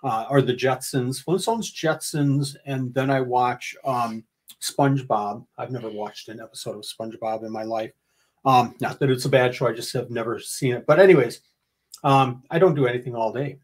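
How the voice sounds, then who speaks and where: An older man with a husky voice, hosting a casual livestream giveaway, chatting and joking as he reads out a list of gifts. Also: mid-range voice, normal speed. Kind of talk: casual giveaway announcement, reading out gift list. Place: indoor room, livestream.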